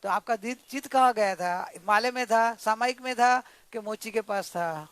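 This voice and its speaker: A man voicing a calm, humble young daughter-in-law who speaks softly and apologetically. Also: high voice, normal speed, clear, resonant tone, no room sound. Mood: gentle, humble. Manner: soft, gentle, apologetic.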